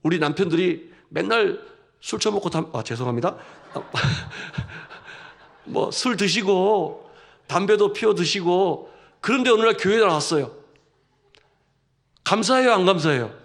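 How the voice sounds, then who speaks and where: Gravelly high-voiced male pastor preaching. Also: measured pace, pauses often. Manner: animated, rhetorical questions to the congregation; humorous asides. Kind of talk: sermon.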